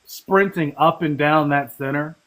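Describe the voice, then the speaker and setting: A man co-hosting a casual podcast chat, rambling and self-deprecating, often halting on fillers. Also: fairly high pitch, a bit bright. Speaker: podcast co-host.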